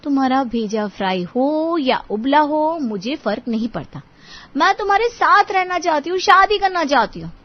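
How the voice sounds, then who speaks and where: Woman voicing an insistent young girlfriend, high pitch, slightly dull recording. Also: expressive, unhurried, few pauses. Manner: insistent, emotional.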